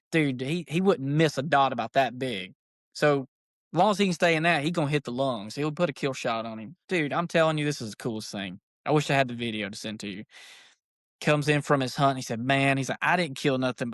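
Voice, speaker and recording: Animated man telling stories. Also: medium pitch, no echo, studio quality. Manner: animated, folksy, says "dude" a lot. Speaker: archery shop owner, podcast guest. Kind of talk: casual storytelling chat.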